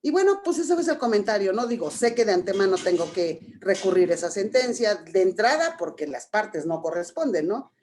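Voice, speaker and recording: A woman's voice: medium pitch, sing-song, normal speed, few pauses, darkish tone, a little hiss or hum. Woman lawyer telling a case story. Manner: conversational storytelling, quoting others, tag questions. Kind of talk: recounting a court case in an online forum.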